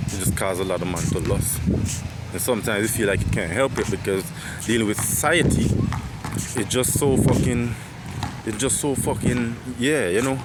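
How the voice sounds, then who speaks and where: Over heavy outdoor street noise, a vlogger in his twenties speaks in a deep voice with an Antiguan accent. His monologue is casual, personal, and meandering, reflective in tone, with frequent repetition and cursing.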